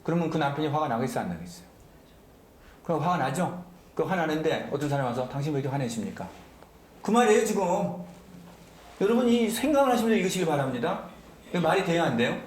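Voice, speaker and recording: A man's voice: fairly high pitch, sing-song, fast talker, reverberant. A man preaching a sermon as pastor, emphatic and often asking the congregation questions. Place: church sanctuary.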